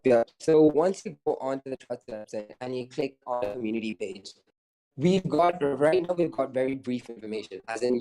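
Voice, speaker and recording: Founder guy on a video call, kinda dark mellow voice, lots of ums and restarts. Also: mid-range voice, rough recording. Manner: rambling, many fillers and restarts. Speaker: startup founder. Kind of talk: casual interview answers over a video call.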